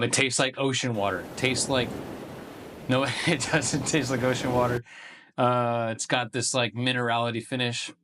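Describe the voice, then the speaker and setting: Man, casual beer reviewer, swears freely, slangy, mid-pitched voice. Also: sharp tone, slight background noise. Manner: laid-back, profane, slangy.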